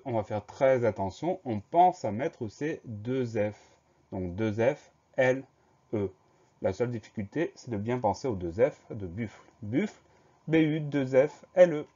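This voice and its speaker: A man teaching a spelling dictation lesson, going slowly and carefully and spelling each word letter by letter. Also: mid-range voice, dark tone, dull audio.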